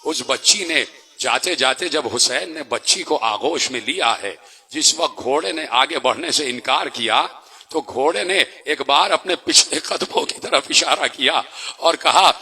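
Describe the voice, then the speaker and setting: A man preaching an impassioned mourning sermon, exhorting the crowd with rapid rhetorical questions. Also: a little high, sharp tone, slightly rough.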